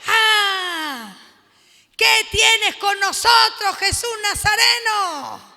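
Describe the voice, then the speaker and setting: Lady doing a screechy angry demon, yelling slow and loud, bright piercing tone. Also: very high-pitched, animated, in a large hall, voice pushed up, exaggerated voice. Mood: shrieking, furious. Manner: crying out, drawn-out shouting. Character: shrieking furious male demon in a possessed man.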